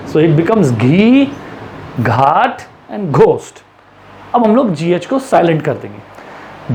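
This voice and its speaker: Man, Indian English accent, pronunciation teacher, animated pitch, slow deliberate delivery, faint background hiss. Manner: slow drawn-out English examples, brisk Hindi explanations, lots of rhetorical questions. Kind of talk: classroom-style lesson mixing Hindi and English.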